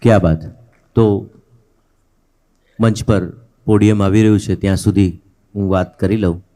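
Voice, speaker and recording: A man's voice: on the low side, fairly even intonation, unhurried, warm tone. A man hosting a poetry gathering, chatting and telling an anecdote to fill time between performers. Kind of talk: stage compering.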